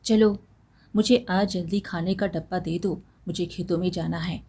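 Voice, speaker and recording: A woman voicing a gruff, hard-working elder brother who farms, speaking brusquely. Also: fairly low pitch, steady tone, moderate pace, warm tone.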